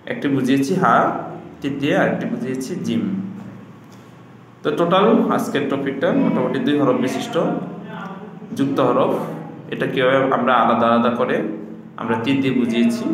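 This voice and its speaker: A man teaching a step-by-step lesson on reading Arabic letters, patiently naming each letter slowly and repeating it. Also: medium pitch. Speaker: Quran reading instructor. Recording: very echoey room with noise.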